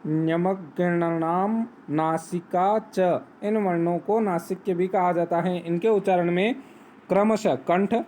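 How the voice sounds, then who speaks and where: A man teaching a grammar lesson, explaining step by step, asking questions and answering them himself, and reciting rules slowly. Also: sits high, fairly even intonation, warm tone, slight background noise. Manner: recites Sanskrit sutras slowly. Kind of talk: Hindi grammar lesson on phonetics.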